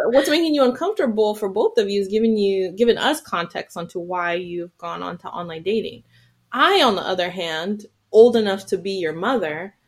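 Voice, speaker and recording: A middle-aged woman chatting on a podcast. She tells her story in a playful, animated way and jokes as she goes. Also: mid-range voice. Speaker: podcast co-host. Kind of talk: casual chat.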